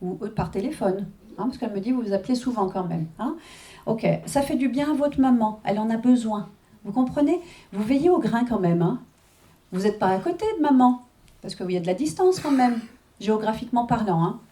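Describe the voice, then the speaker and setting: A woman's voice: on the high side, animated, brisk, dark tone. A woman working as a medium at a live reading, chatting with the audience, checking in constantly and laughing often. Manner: chatty, constant "hein" and "d'accord" check-ins, frequent laughs.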